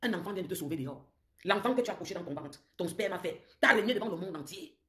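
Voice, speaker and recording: Woman, Cameroonian French accent, live-stream host; fast, low-pitched, accusatory and confrontational delivery. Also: expressive, sharp tone. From southern Cameroon. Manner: accusatory, confrontational, repeats taunts. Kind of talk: heated live-stream rant.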